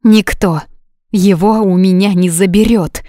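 A grieving, stubborn young witch pleads and defies in a raised voice, as a woman narrator puts her on. The voice is fairly low for a woman, and it is recorded close and dry. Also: unhurried, dark tone, dry recording. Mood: defiant.

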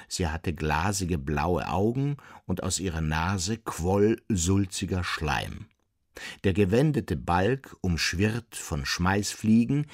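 A man reading a literary story aloud for radio in a measured, expressive way, close to a studio mic. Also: low voice, dry recording.

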